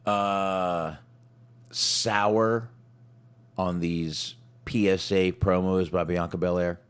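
A man's voice: low-pitched, steady tone, extremely slow, clean tone. A man co-hosting a wrestling podcast in casual chat, blunt and profane, rambling with frequent restarts.

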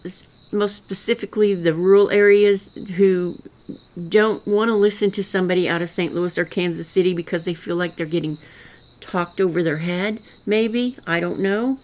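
An older podcast host from rural Southwest Missouri talks politics solo, her rural Missouri accent shaping a folksy, rambling, heartfelt monologue. Her lowish voice has a darkish tone, fairly even intonation and normal speed, with a little hiss or hum in the audio.

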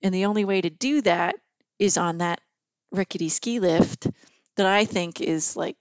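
A woman's voice: fairly low pitch, normal speed, dry recording, highs cut off. A middle-aged woman telling a funny, profane story about herself in casual podcast style. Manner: profane, self-mocking, animated. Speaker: podcast host.

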